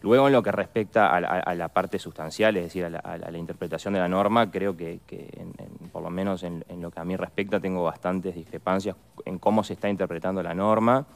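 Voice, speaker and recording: A man's voice: low-pitched, steady tone, fairly quick. A man working as a defense lawyer, explaining legal points with care in a studio interview and often repeating words as he searches for the exact phrasing.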